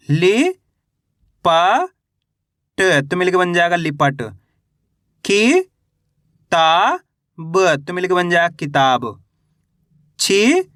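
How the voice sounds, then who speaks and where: A man with a high, fairly bright voice teaches Hindi reading slowly, sounding out each syllable before saying the whole word. He poses questions to the viewer and answers them himself, recorded in clean studio quality with no echo.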